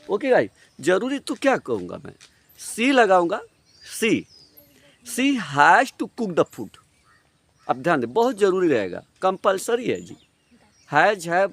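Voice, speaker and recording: A man with an Indian accent teaching an English grammar lesson in Hindi, explaining step by step and repeating example sentences slowly. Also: high voice, a bit bright.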